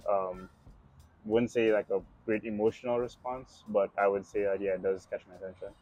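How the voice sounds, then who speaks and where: A man's voice: lowish voice, fairly even intonation, moderate pace, darkish tone. A young man answering hesitantly with many fillers, on a dull, distant recording. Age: young adult. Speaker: interviewee.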